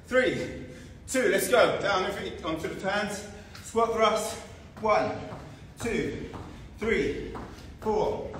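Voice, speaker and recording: A man's voice: sits high, fairly bright tone. A man coaching a boxing workout, calling out punch combinations and counts in clipped, commanding cues. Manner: clipped, commanding short cues while demonstrating exercise. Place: large indoor boxing gym. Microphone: camera several metres away. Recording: echoey gym, distant mic, faint noise.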